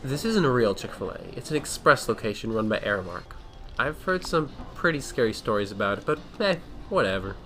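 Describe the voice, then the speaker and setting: A man's voice: mid-range voice, very animated, brisk, sharp tone. A young man, a student vlogger, narrating with a wry, dryly joking manner. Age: young adult. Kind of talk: vlog narration. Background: music.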